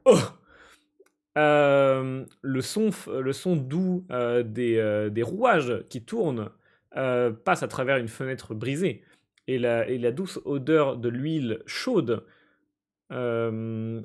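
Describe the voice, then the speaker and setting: A male streamer playing a game live, translating its text aloud in a halting, hesitant way and often breaking into amused laughter. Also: medium pitch. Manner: halting and hesitant, stumbling over words while translating.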